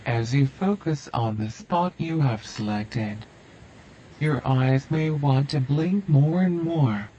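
A man guiding a hypnosis induction in a slow, soothing, repetitive cadence. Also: mid-range voice, mellow, lo-fi sound, slight background noise.

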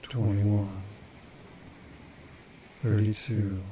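A man leads a hypnosis session in a slow, unhurried voice, giving calm, repetitive suggestions. His tone is mellow and on the low side. A faint hiss sits under the recording. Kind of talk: guided hypnosis induction.

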